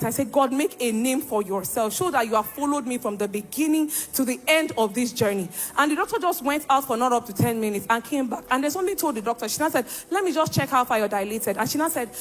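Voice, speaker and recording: Woman giving an emphatic testimony. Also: fairly high pitch. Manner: emphatic storytelling, acting out dialogue. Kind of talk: church testimony.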